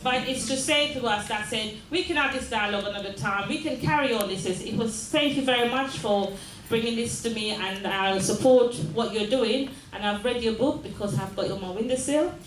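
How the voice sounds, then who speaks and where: Brisk and barely pausing, the older woman mayor born in Jamaica delivers her earnest community speech in a voice on the high side, repeating phrases and prompting the audience with "yes?". It was recorded in a large, echoey room at a mayor's office with faint ambience and slight background noise.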